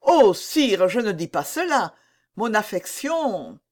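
A woman's voice: medium pitch, very animated, slow. A woman reading a coy, teasing princess. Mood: coaxing. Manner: soft, coaxing, teasing.

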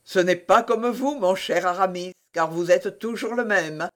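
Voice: mid-range voice, unhurried, close to an everyday voice. A reader voicing a shrewd, genial forty-year-old musketeer officer who banters with an old friend. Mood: flattering. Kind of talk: audiobook character reading.

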